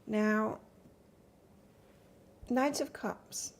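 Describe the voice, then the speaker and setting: Gravelly-voiced woman with mixed English-Australian accent. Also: a little high, fairly even intonation, very slow. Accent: mix of northern English and Australian. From north of England. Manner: chatty, rambling, chats with viewers between cards. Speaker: tarot reader. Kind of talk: live-stream tarot reading, casual chat.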